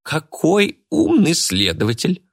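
A man's voice: very animated, normal speed, a bit bright, breathy edge, full character voice. A man voicing a brash green-skinned alien female thief who gloats and mocks. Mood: gloating mockery. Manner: shrill, gloating.

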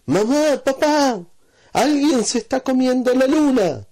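An excited little animal child shrieks his alarm in a high, shrill voice, as a man reading a children's story puts him on. The voice carries a Rioplatense Spanish accent and sounds loud and strained. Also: takes it slowly, full character voice.

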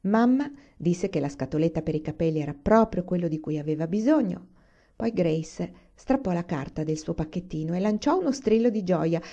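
A woman reading a children's novel aloud in a calm, unhurried storytelling manner. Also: lowish voice, lo-fi sound. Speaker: reader.

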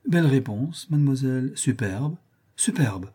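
A man's voice: a little high, animated, moderate pace, dark tone, husky. A man voicing a pompous old count-poet. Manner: pompous, self-admiring, emphatic. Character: vain pompous older male count, amateur poet.

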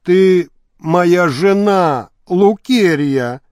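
A man voicing a hoarse, slow, insistent old husband in an audiobook. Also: high-pitched, expressive, a little mellow, no room sound, clean studio sound, exaggerated voice. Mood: pleading. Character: old, tedious, stubborn husband, a school director.

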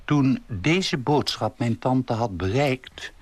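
Husky-voiced man reading a dry story. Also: medium pitch, lively intonation, slow pace, no room sound. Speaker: author reading his column.

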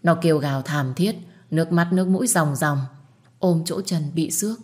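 A woman with a lowish voice narrating a family drama in the first person. She keeps a steady, emotive storytelling flow and turns firm and defiant when her character speaks up. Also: normal speed.

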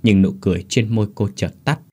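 A man reading a ghost story aloud in steady, measured scripted narration. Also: on the low side.

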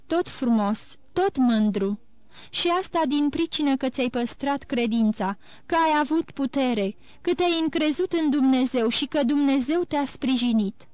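A woman's voice: sits high, a little mellow, no room sound, lightly acted. A woman voicing a grieving, guilt-ridden woman near forty who pleads sorrowfully and blames herself, read from an audiobook. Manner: sorrowful, self-reproaching pleading. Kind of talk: audiobook character reading.

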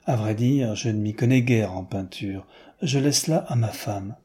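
A man voicing a chatty, boastful middle-aged male expatriate who speaks in a confiding, lively way. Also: normal speed, natural voice. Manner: confiding, animated, raised pitch.

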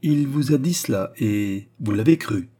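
Cool, clipped storybook woman, level voice, dark and husky, as a male reader puts her on. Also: mid-range voice, expressive, unhurried, voice pushed up. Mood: composed. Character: composed former courtesan woman, calm and curt. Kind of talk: audiobook character reading.

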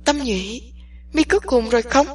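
A woman's voice: on the high side, animated, moderate pace, slightly rough, distant mic. A woman doing an anxious, pleading young friend. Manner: urgent, pleading, agitated.

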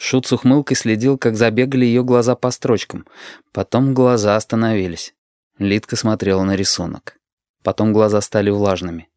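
A man narrating an audiobook with expressive storytelling. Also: fairly low pitch, normal speed, no room sound, clean studio sound. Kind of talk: scripted narration.

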